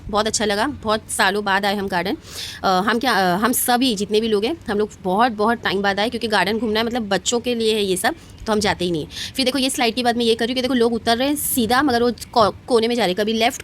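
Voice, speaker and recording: A woman's voice: mid-range voice, slight background noise. A young woman chatting to her viewers about her day in a casual vlog voice-over. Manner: chatty and animated, addressing viewers directly. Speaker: vlogger.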